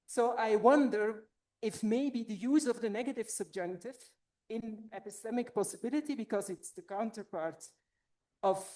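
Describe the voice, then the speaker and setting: A woman's voice: a little high, mellow. A woman presenting at an academic conference, a little out of breath and explaining her points as she thinks them through.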